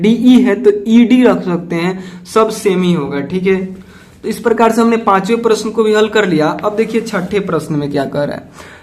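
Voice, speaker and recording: A young man from India teaches school maths. His voice sits high for a man, and he walks through each textbook problem step by step. He keeps checking in with the class and asks questions before he answers them. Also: darkish tone. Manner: patient, repeats "ठीक है" and asks himself questions. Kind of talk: solving textbook exercises step by step.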